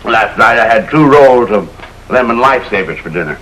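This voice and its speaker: An actor playing an excitable middle-aged neighbor husband in a 1950s sitcom, blustering and loud. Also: male voice, mid-range voice, a little fast, low-quality recording. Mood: grumbling. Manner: blustering, shouting in alarm. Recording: old TV soundtrack with faint hiss.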